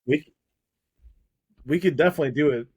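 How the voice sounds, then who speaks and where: A man's voice: on the high side, brisk, a little mellow, breathy edge. A man co-hosting a casual podcast chat, talking in loose, rambling bursts with frequent restarts. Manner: rambling, many restarts, laughs easily. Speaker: podcast co-host.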